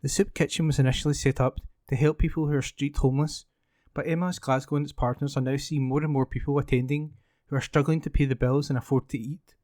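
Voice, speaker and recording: A man reading newspaper articles aloud as a volunteer, in a clear, formal delivery. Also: mid-range voice, fairly even intonation, fast, dark tone, no room sound, clean studio sound.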